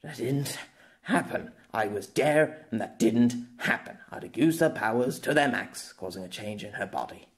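A man's voice: fairly low pitch, normal speed, gravelly, long pauses. A man voicing a shaken adult man who mutters to himself after a nightmare in an audio story. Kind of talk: audiobook character voice.

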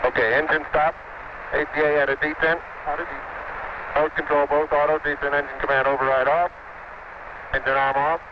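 A man's voice: a little high, flat delivery, brisk, pauses often. A man giving clipped technical call-outs over a space-to-ground radio transmission. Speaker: astronaut or mission controller on the mission radio. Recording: muffled lo-fi archive radio, heavy static.

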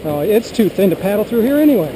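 A middle-aged man with a strikingly high voice talks casually from a kayak, apologizing one moment and cussing the next. An action camera mounted on the boat catches him outdoors. Steady river noise runs under everything he says. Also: fast talker. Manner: joking, apologetic, a bit cussing. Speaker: father kayaking with his daughter. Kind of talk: casual chat while paddling.

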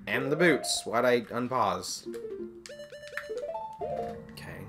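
A woman's voice: extremely low pitch, expressive, takes it slowly. A woman playing a video game, thinking aloud and muttering to herself, with sudden exasperated outbursts. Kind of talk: let's-play commentary. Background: game music.

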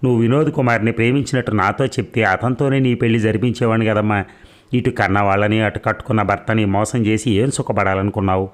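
Storybook reading: a man voicing an indignant middle-aged father who scolds, low-pitched. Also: fairly even intonation, quick pace, lightly acted. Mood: scolding, indignant.

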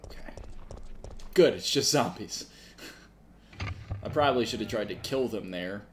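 A man's voice: lowish voice, animated, unhurried, a little hiss or hum. A man streaming a video game live, joking with wry asides as he plays. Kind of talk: live gameplay commentary. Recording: streamer mic with game music behind.

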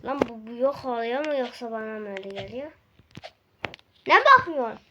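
An excitable woman narrates her video game as she plays, with a voice pitched a little high. She chats directly to her audience and lowers her voice now and then. Faint background noise runs under the recording. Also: fast, muffled recording. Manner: chatty, excitable, addresses viewers directly; drops to a hushed voice at times. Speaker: gaming video creator. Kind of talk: casual gameplay commentary.

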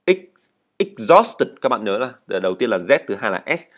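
A man's voice: lowish voice, lively intonation, fast talker. A man teaching an English speaking lesson, explaining in Vietnamese, reading model answers and having students repeat words after him. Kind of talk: spoken language lesson.

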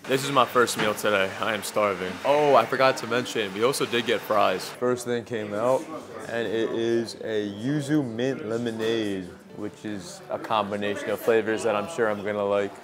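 A man's voice: on the low side, steady tone, normal speed, over music. A man in his twenties chatting casually in a food vlog, joking and laid-back, recorded on a clip-on mic. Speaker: food vlogger. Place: outdoors on a city street, then inside a busy small restaurant. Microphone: small clip-on mic on shirt.

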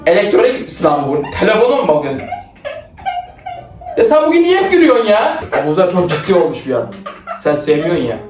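Teasing young man with a lively voice. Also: sits high, a little fast, long pauses. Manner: teasing, bossy, often laughing. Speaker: older brother directing a skit. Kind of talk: playful sibling role-play skit. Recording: roomy, from a distance, faint music.

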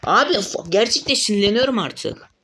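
A man giving live gameplay commentary as a mobile game streamer, excitable and swearing often when frustrated. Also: sits high, brisk, husky.

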